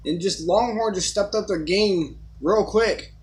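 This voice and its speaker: A young man co-hosting a casual amateur review, talking in a halting, rambling way full of filler words. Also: sits high, background noise. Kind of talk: casual chat review to camera.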